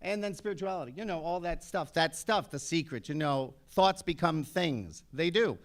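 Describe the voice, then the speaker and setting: A brash man in his fifties holds forth on a panel, animated and full of comic asides. His voice sits a little high for a man. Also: moderate pace. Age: 50s. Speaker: actor on a panel. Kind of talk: panel talk to an audience.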